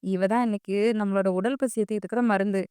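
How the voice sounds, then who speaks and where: A woman's voice: medium pitch, fairly even intonation, fast, dark tone, clear, resonant tone, no echo, studio quality, lightly acted. A woman voicing a gang of crude, menacing male thugs in an audio story. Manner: jeering, crude.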